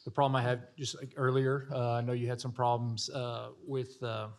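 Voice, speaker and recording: A man speaks as a county commissioner at a public meeting, with a mid-range voice. He talks off the cuff in a halting way, often doubling back on words as he looks for the next phrase. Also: medium pitch, level tone. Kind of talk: extemporaneous remarks at a public meeting.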